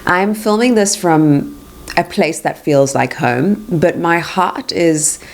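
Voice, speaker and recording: A woman's voice: slow, creaky. A young woman from Tanzania, hosting a faith-based appeal to viewers, speaking earnestly with a preacherly swell. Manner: heartfelt, preacherly, swells higher and softer on scripture lines. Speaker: host.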